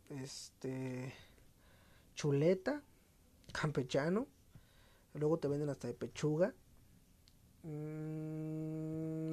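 Man, central Mexican accent, podcast host; mellow voice, casual profane monologue with mock-dramatic flair. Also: on the high side. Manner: slangy, profane, playfully dramatic.

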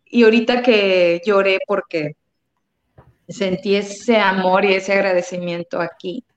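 A woman's voice: mid-range voice, fairly even intonation, a little slow, a little hiss or hum. Earnest woman on a dull, lo-fi line. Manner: earnest, emotional storytelling with frequent fillers. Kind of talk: spiritual conversation. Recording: dull lo-fi sound.

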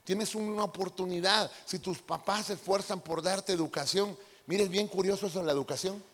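Pastor que predica animado e interpela al público, sala de iglesia reverberante. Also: male voice, high voice, a little fast, a bit bright. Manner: playful, addresses the congregation directly. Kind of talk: lively sermon with acted-out impressions. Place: church hall.

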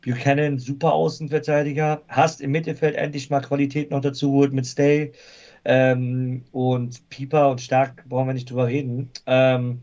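A man's voice: mid-range voice, level tone, normal speed, darkish tone, highs cut off. A man talking football casually as a guest fan, thoughtful and hesitant with frequent fillers.

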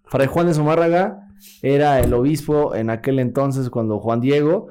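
A man's voice: medium pitch, moderate pace, mellow, clear, resonant tone. A man with a Mexican accent co-hosting a comedy podcast, tossing in playful jokes as he retells stories. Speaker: podcast co-host. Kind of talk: comedic political podcast banter.

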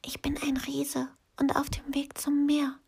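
A woman reading a storybook aloud and voicing a gentle, sad male giant in a soft, apologetic whisper, as whispered role-play. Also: sits high, completely flat delivery, unhurried, creaky, pitched above the performer's own voice. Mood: sad, timid.

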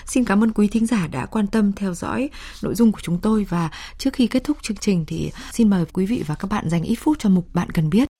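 A woman's voice: mid-range voice, animated, a little fast, hardly any pauses, warm tone, slightly rough. A woman hosting a radio health programme, presenting formally and putting questions to a guest. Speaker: radio health show host.

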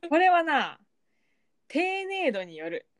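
A woman's voice: high voice, big pitch swings, slow pace, dry recording, clean studio sound. A woman with a Kansai accent co-hosting a podcast, chatting casually and reading out listener mail. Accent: Kansai Japanese. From Kansai, Japan. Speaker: podcast co-host.

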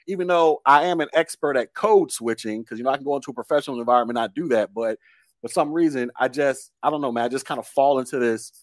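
A man in his forties hosting a casual podcast chat, telling stories in a relaxed way, laughing easily and repeating words as he thinks. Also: mid-range voice, quick pace, dry recording. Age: 40s.

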